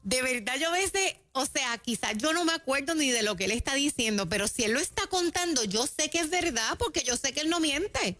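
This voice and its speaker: Puerto rican lady doing a faith talk on radio, bit high voice, soft music behind. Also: animated, brisk, few pauses. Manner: chatty, laughs between points. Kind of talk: conversational faith teaching.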